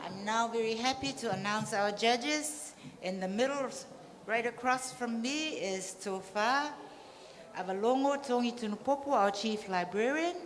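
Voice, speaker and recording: A woman's voice: fairly high pitch, measured pace. A woman chairing a debate with formal announcements. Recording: echoey hall with faint background noise.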